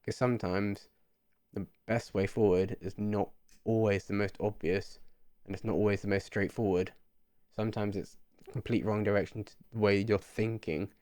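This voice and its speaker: A man in his twenties speaks to camera in a casual vlog, reflecting earnestly in a rambling monologue and repeating himself. His voice is fairly low, a little mellow, clear and resonant, with fairly even intonation at normal speed, recorded dry with clean studio sound.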